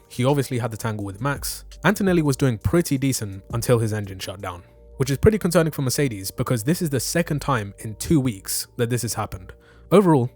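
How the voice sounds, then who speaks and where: A man's voice: mid-range voice, darkish tone. Man with race commentary over music. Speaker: motorsport YouTuber reviewing a Formula One race. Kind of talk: scripted video commentary with casual slang. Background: background music.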